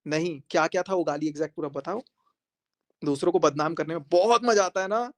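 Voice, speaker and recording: A man's voice: a little high, brisk. A man speaking on a live stream to his viewers, emphatic and confrontational, repeating his points for force. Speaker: social media creator.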